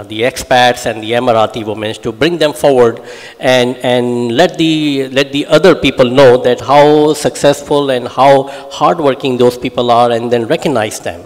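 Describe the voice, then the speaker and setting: Formal man panelist, reverberant hall. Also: mid-range voice. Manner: formal, hesitant with many fillers. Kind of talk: panel discussion answer. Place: large conference hall stage. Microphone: handheld mic.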